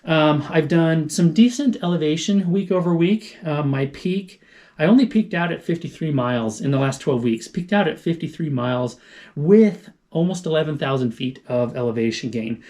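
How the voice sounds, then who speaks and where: A man's voice: fairly high pitch, normal speed, darkish tone. A man talking casually to camera as a running vlogger, explaining things informally and thinking aloud. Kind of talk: casual vlog talk to camera.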